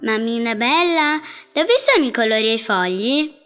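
A woman's voice: a little high, lively intonation, normal speed, a bit bright. A woman voicing a bored little girl who whines and pleads, in a storybook reading with music behind. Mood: coaxing. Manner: whiny, pleading.

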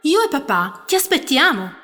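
A busy, bossy mother calling out in a very high, lively, bright voice, as a woman acts her out in a storybook. A long reverb and music sit under her. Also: moderate pace, heavily acted.

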